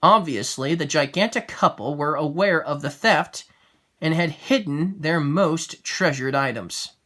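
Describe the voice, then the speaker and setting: A storyteller reading a fairy tale aloud, expressive, with the odd small slip and restart. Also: mid-range voice, a little slow.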